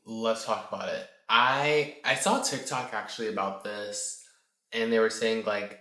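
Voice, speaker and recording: A young man hosting a podcast in casual chat, animated and quick to laugh as he hypes up his guest. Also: fairly low pitch, echoey room. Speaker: podcast host.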